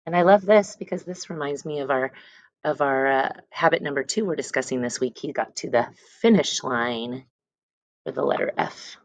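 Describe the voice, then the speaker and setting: A female elementary school teacher reads a picture book to her class of young children, emphasizing words and letter sounds and offering brief explanations. Her voice is very deep and her pace moderate. The recording is low quality, with no echo.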